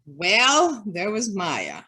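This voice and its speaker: A woman's voice: medium pitch, wildly swooping pitch, very slow, pushed and bright. A woman speaking as a guest on a live online event, earnest and heartfelt. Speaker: development director. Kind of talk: interview guest.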